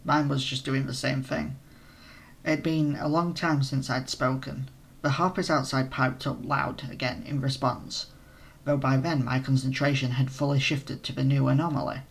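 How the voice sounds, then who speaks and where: A hoarse man who is losing his voice, narrating a role-play adventure in the first person and breaking off for casual asides. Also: mid-range voice, fairly bright tone.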